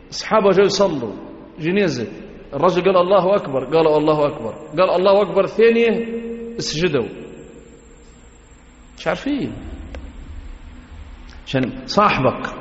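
A man preaching a sermon, earnest and exhorting, often asking his listeners rhetorical questions. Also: sits high. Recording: echoey hall, dull lo-fi sound.

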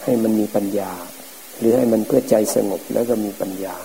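A middle-aged man, a Buddhist forest monk, giving a calm, plain-spoken dharma talk. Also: lowish voice, fairly quick, gravelly. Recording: hissy, noisy old recording.

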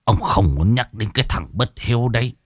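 This is a sorrowful old grandfather in a spoken ghost story, as the male reader puts him on. His voice sinks deep and hushed, slow and weary with dread. A husky grain sits in his dry, close tone. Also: expressive, no echo. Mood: stern. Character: grim, sorrowful old grandfather, low and heavy.

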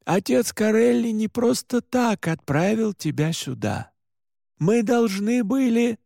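A man's voice: sits high, expressive, slow, gravelly, dry recording, studio quality, pitched above the performer's own voice, heavily acted. A man voicing an anxious older male priest in an audiobook, urgent and pleading. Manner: urgent, pleading, often shouting. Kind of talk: audiobook character voice.

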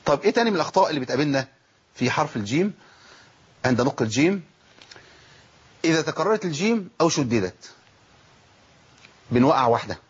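Speaking with an Egyptian Arabic accent, this Quran recitation teacher runs a brisk, lively tajweed lesson built on self-posed questions and demonstrations of letter sounds. His voice is a little high and husky, and the audio quality is lo-fi.

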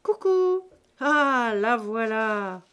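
A woman voicing a boisterous, crude, drunken peasant man who jokes and bellows loudly at a village tavern. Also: a little high, lively intonation, unhurried. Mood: rowdy. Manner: loud, rowdy, jovial bellowing.

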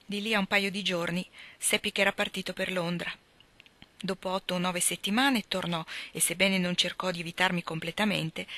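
A woman narrating a classic novel as an audiobook reader, in a measured, even reading voice. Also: on the low side.

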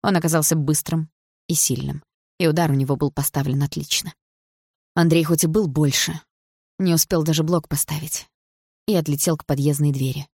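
Woman reading a novel, low voice. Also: steady tone, moderate pace, a little mellow, slightly rough, no room sound, studio quality. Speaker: audiobook narrator. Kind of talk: scripted narration.

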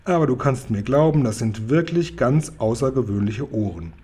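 Storybook giant: man doing a proud, whimsical friendly giant, husky and mellow. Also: mid-range voice, animated, normal speed. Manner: whimsical, playing with made-up words.

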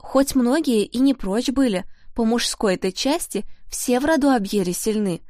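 A woman's voice: a little high, normal speed, a little mellow, dry recording, pitched above the performer's own voice, lightly acted. A woman narrator voicing a chatty, gossiping old female servant in a dry studio sound.

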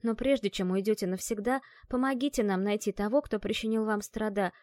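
A woman's voice: fairly high pitch, big pitch swings, normal speed, darkish tone, dry recording, studio quality. A woman voicing a small female elf exorcist who speaks patiently and soothingly.

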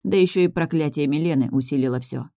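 A woman's voice: low voice, fast talker, warm tone, no echo, clean studio sound. A woman voicing a devoted young male mage speaking tenderly and with regret to his beloved in a storybook reading. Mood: grave.

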